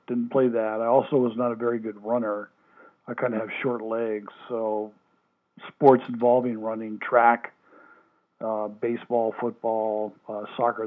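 Answering oral history questions on a tinny-sounding phone call, the elderly ex-Olympic swimmer from Hawaii talks in a mid-range voice. He stumbles often, restarting and padding with fillers.

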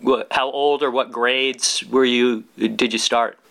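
A man's voice: mid-range voice, fairly even intonation, slow, vocal fry, fairly bright tone. A young man, a graduate student, interviewing for an oral history project, friendly and affirming, stumbling through his questions.

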